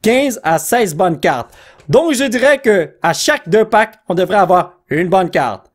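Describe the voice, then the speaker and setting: A young man with a Québécois French accent hosts an excited card-opening vlog, his voice pitched high and swinging widely up and down. He bursts out at good pulls, laughs and mixes English words into his French. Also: a little slow. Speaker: YouTuber opening Pokémon card packs.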